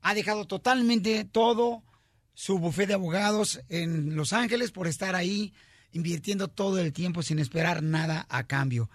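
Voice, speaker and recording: A man hosting a radio comedy show, telling jokes in a loud, rowdy, playful way. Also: high voice, moderate pace, no room sound, clean studio sound. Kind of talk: joke-telling radio banter. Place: radio studio.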